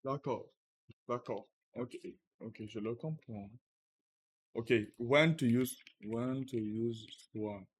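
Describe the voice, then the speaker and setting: A man with a Russian accent in French, practising the language by repeating example sentences in a halting way. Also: medium pitch, slightly rough. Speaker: French learner practising with a partner.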